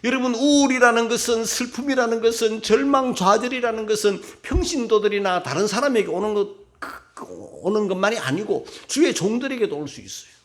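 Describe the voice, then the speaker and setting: A middle-aged male pastor preaching a sermon in a church, his talk swinging between soft, low musing and loud, shouted bursts. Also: brisk, hardly any pauses. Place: church sanctuary.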